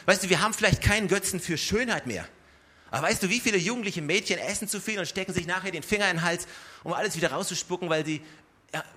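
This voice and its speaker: A man's voice: fairly high pitch, bright, forceful tone. A man preaching a sermon in a conversational way, speaking straight to his listeners with rhetorical questions. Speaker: pastor.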